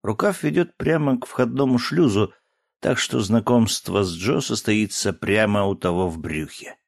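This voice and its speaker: A man reading a science fiction story as scripted narration, in a measured, expressive storytelling manner. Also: on the low side, creaky. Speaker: audiobook narrator.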